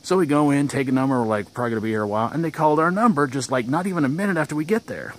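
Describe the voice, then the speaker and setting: A man's voice: medium pitch, lively intonation, racing. A young man telling a casual vlog story outdoors, rambling, with restarts and chuckles. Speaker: vlogger.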